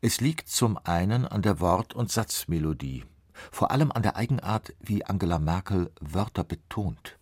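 A man with a very deep voice reads scripted documentary narration with lively intonation. His voice is slightly husky, and the sound is dry and close to the mic. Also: normal speed, dry recording.

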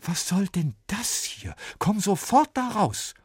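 A man's voice: on the high side, unhurried, over music, pitched above the performer's own voice. A man voicing a flustered woman from an orchestra who scolds in exasperation. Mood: scolding.

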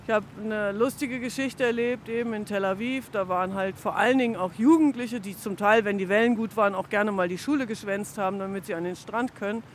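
A woman's voice: mid-range voice, a little fast, hardly any pauses, a little hiss or hum. An older woman being interviewed about surfing, telling stories with eager enthusiasm. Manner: enthusiastic, animated storyteller. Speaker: interviewee, late-starting surfer. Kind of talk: casual storytelling interview.

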